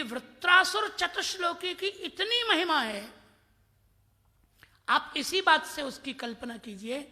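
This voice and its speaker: Man in his 50s from mathura giving a scripture talk, high voice, long hall echo. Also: sharp tone. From Mathura, India. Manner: storytelling, quoting Sanskrit verses; acts out voices in his anecdotes. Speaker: religious discourse speaker. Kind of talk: devotional scripture discourse.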